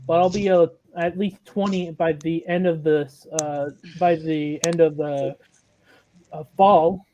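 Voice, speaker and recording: A man's voice: on the high side, fairly even intonation, takes it slowly, warm tone. A nineteen-year-old man in a group voice chat, speaking hesitantly with many fillers. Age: young adult. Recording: muffled call audio with faint noise.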